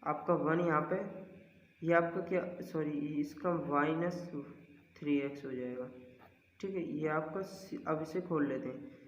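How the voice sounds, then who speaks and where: Guy teaching math, slightly high voice, keeps asking the class questions, echoey muffled hall sound. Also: steady tone, a little slow. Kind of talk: board-work lesson explanation.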